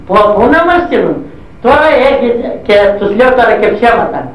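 A woman's voice: on the high side, very animated. Older woman telling stories in an echoey room. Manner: acts out quoted dialogue, constant "I say, she says" tags. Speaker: interviewee recalling her youth. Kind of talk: oral history storytelling. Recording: echoey, distant, dull lo-fi recording.

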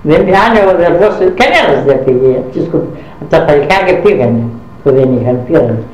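An older woman tells a family story from her past in an interview, acting out who said what. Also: deep voice. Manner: animated, acts out dialogue with many "she says" tags. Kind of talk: oral history storytelling. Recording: echoey dull lo-fi recording.

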